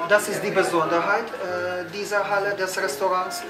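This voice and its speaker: A man's voice: high-pitched, level tone, normal speed, a loud crowd. Hesitant Ukrainian-accented man guiding a tour. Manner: hesitant, many fillers and self-corrections. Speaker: tour guide host. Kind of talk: guided restaurant tour. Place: indoor restaurant rooms. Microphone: camera mic from a few steps away. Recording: roomy restaurant with music behind.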